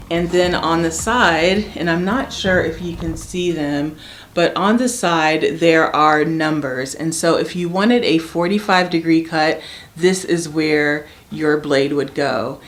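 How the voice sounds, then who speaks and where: A woman's voice: fairly low pitch, echoey room. A woman hosting a home DIY vlog, talking casually and chattily straight to her viewers as she explains things. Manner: chatty, addresses viewers directly. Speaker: DIY home makeover channel host.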